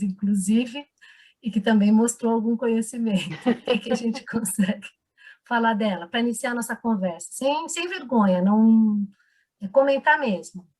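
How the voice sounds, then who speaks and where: A woman's voice: fairly high pitch, darkish tone. A woman, a teacher trainer leading an online seminar who encourages the group and keeps asking them questions. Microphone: video call microphone.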